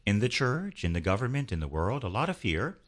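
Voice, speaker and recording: A man's voice: lowish voice, big pitch swings, fairly quick. A man, a priest, hosting an interview, leading a prayer and speaking with fervent, preaching emphasis. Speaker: priest and host.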